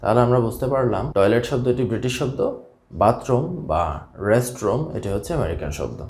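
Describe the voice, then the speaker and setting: A man from Bangladesh teaching a scripted English vocabulary lesson, steadily repeating each key word slowly. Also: medium pitch, expressive, darkish tone, a little hiss or hum. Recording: echoey room.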